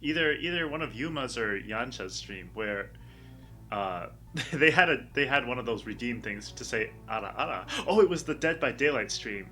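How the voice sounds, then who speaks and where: A man guesting on a live stream, his voice bright and crisp with a lively, swinging pitch. He tells stories animatedly and laughs often as he talks. Soft music hums faintly behind him. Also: moderate pace. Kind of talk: casual live-stream chat.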